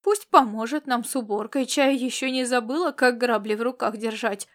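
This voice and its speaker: A woman's voice: a little high, moderate pace, fairly bright tone, natural voice. A woman voicing a brusque, teasing middle-aged husband. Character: gruff, jovial husband, teasing and down-to-earth. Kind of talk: audiobook character reading.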